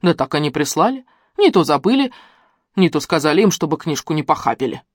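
A woman's voice: sits low, big pitch swings, brisk, no room sound, studio quality. A woman doing a sly old village granny. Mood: folksy. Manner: folksy rural speech, sly and sing-song. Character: shrewd old village granny, folksy and teasing.

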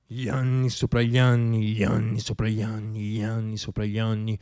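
With a fairly low voice at normal speed, this man performs a dramatic radio monologue. His delivery is expressive and declamatory, moving from poetic musing to dry irony.

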